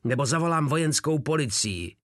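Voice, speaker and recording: A man plays a stern, indignant head waiter who barks short orders. His voice is lively and varied, and the sound is dry and close. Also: fairly high pitch, dry recording, voice pushed up. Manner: curt, commanding.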